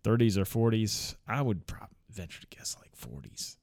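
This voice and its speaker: A man's voice: on the low side, very animated, vocal fry, darkish tone, husky, no echo. Rambling man with a dry podcast sound. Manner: rambling, halting, many fillers and restarts; profane, chuckles often. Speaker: podcast host. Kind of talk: casual solo podcast chat.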